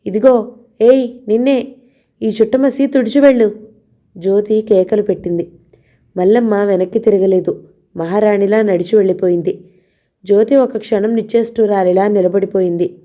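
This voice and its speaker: A woman narrating a novel in a steady storytelling manner. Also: mid-range voice. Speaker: audiobook narrator. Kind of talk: novel reading.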